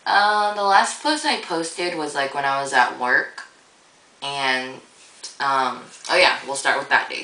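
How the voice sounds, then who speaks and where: A woman's voice: sits low, bright, forceful tone, reverberant, far from the mic, low-quality recording. A young woman vlogging in a rambling, casual way, full of fillers and easy swearing, with a groggy morning voice. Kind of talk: casual vlog monologue.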